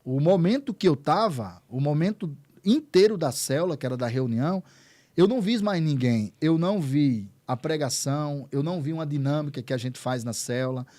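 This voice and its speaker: A man's voice: on the high side, animated, moderate pace, mellow. A man, a pastor, telling his testimony as an interview guest, earnest and repeating words for emphasis. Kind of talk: emotional testimony in conversation.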